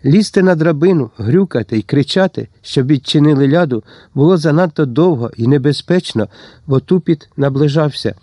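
A man narrating a story as an audiobook reader, steady and tense. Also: fairly high pitch, normal speed, no room sound, studio quality. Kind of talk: scripted narration.

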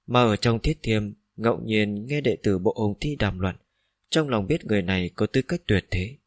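A man narrating a fantasy novel as a steady, even audiobook reading. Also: lowish voice, dry recording, clean studio sound.

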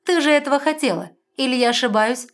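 A woman's voice: high voice, quick pace, pitched above the performer's own voice, close to an everyday voice. A woman voicing a sly, smug fairy woman who talks in a mocking, self-assured way.

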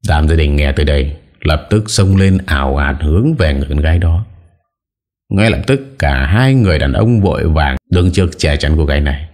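A man narrating an audiobook drama in a steady, dramatic way. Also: a bass voice, fairly quick. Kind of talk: scripted story narration.

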